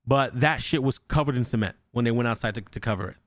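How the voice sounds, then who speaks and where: A young man hosts a podcast and tells a ghost story in a casual, animated way, swearing a lot and doing the voices of the people in it. His voice sits at medium pitch and moves fast.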